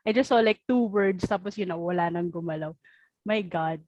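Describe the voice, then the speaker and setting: A woman's voice: lowish voice, fairly quick, darkish tone, no echo, lo-fi sound. A woman with a Filipino accent chatting casually during a game, switching between Tagalog and English mid-sentence. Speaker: game participant guessing. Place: video call.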